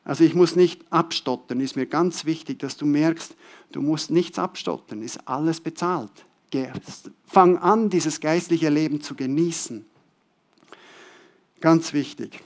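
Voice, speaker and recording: Emphatic preacher with a raised voice. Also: male voice, a little high, measured pace. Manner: emphatic, swinging between loud stressed words and soft drops; repeats key words for emphasis. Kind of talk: sermon to a congregation.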